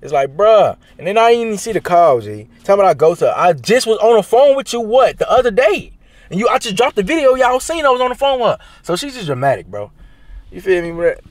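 A young man vlogs on a handheld phone camera, bantering in a laid-back, slangy way as he moves around a city and then into a casino. His voice sits high and sing-song, quick-paced, with no room sound.

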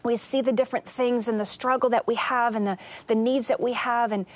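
A middle-aged woman, a talk show guest, telling her story earnestly and with animation, sometimes acting out quotes in a raised, excited voice. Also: on the high side, fairly quick, no room sound. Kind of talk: casual talk show testimony.

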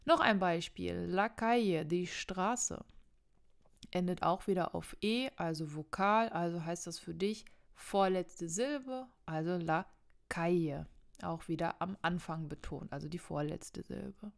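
Young woman, lowish voice, chatty language teacher who talks to the viewer and fixes her own slips. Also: unhurried, vocal fry. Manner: chatty, self-correcting, addresses viewer directly. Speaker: Spanish teacher. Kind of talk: video lesson to camera.

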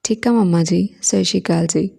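A woman voicing an earnest young married woman who sounds ill, with soft pleading questions, in a storybook reading. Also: lowish voice, a little fast, creaky, breathy edge, heavily acted. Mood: gentle.

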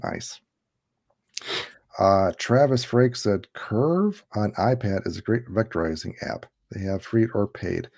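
A man in his thirties hosts a casual livestream from a room at home over a video call headset, laid-back, jokey and often laughing. His fairly low, darkish voice is expressive with vocal fry, and he takes things slowly.

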